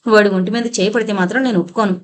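A woman reading a storybook voices a protective young stepmother who speaks firmly to her husband and gently to a frightened boy. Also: mid-range voice, steady tone, very fast, natural voice. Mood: angry. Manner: firm and sharp with the husband, soft and coaxing with the child.

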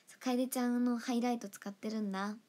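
A young woman with a fairly high voice chats on her own livestream from an indoor room. She reads fan comments in an affectionate, giggly way and now and then sinks into a soft whisper. The sound comes from a simple phone or webcam mic. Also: steady tone, fairly quick. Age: young adult. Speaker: idol livestream host. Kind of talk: casual livestream chat reading fan comments.

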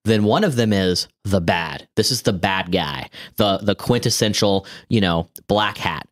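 A man's voice: on the low side, measured pace. A man co-hosting a casual gaming podcast, rambling with frequent restarts and fillers. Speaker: podcast co-host.

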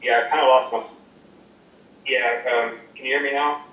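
A man calling in over a video call with a breaking-up connection, asking a question in a halting, hesitant way with many restarts. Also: medium pitch, steady tone, sharp tone. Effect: heard over a video call with a breaking-up connection. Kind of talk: Bible study Q&A. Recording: echoey, distant, muffled call audio.

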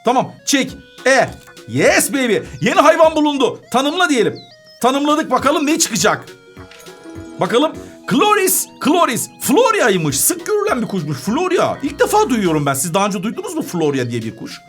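A woman's voice: fairly high pitch, huge pitch swings, moderate pace, faint music behind. A woman hosting a children's gaming channel, chatting playfully through a game, humming little tunes and giggling. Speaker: kids' gaming channel host.

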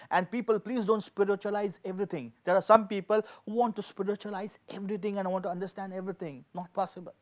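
A pastor in his forties with a high, darkish voice preaches emphatically, repeating key phrases for effect. The sermon includes scripture reading and prayer, delivered at a lectern in an indoor studio with a dark backdrop, using a handheld microphone.

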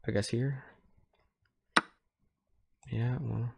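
A man's voice: medium pitch, flat delivery, extremely slow, creaky, dark tone, slightly rough. A young man giving casual, thinking-aloud commentary as he plays a game at home. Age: young adult. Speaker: chess player. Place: small room at home.

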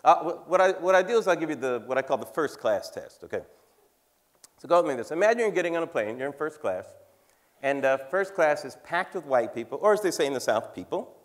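A man in his fifties, a comedian and cultural commentator, gives a wry, conversational stand-up talk on a large theater stage before a live audience. His voice sits on the high side, sing-song and fast, as he teases the crowd and laughs at his own jokes.

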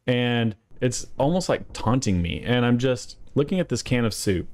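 A man's voice: mid-range voice, lively intonation, normal speed, darkish tone. A man telling a personal faith story to his viewers in an earnest, conversational way, sometimes acting out his own reactions. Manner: earnest, conversational, with acted asides.

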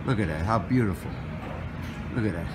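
A man's voice: deep voice, a little fast, heavy background noise. A man filming a casual walk-through of a restaurant buffet on his phone, chatting and muttering to himself as he picks food. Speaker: vlogger. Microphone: handheld phone.

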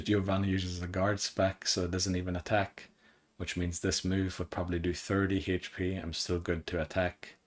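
A man giving calm, analytical let's play commentary on his run, saying his voice is going. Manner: calm, analytical and low-key. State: losing his voice. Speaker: gaming commentator.

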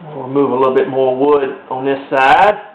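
A man's voice: mid-range voice, level tone, slight background noise. Man explaining woodcarving steps in a roomy space. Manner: talks while carving, pausing and restarting sentences. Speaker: woodcarving instructor. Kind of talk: casual step-by-step demonstration. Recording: roomy, dull lo-fi home video recording.

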